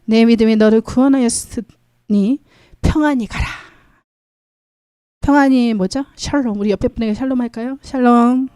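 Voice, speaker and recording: A woman delivers a church sermon in a fairly high voice, reading scripture and questioning the congregation with frequent hallelujahs. Her delivery swings from loud calls down to near-whispers. The sound is dry and close, with little room. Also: normal speed, pauses often, clean tone, no echo. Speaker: preacher.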